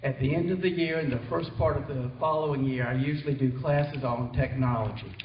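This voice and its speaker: A man's voice: mid-range voice, fairly quick, slight background noise. A man giving an earnest presentation on technology at a company meeting, with some hesitations. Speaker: technology trainer. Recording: distant, roomy, dull hall recording.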